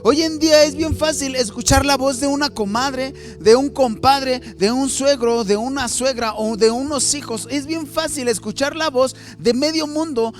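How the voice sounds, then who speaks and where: Male pastor, thirties, very high voice, earnest, repetitive sermon delivery aimed at the listener. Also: normal speed, hardly any pauses, soft background music. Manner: earnest storytelling, often repeating and rephrasing, speaking straight to the listener. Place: church.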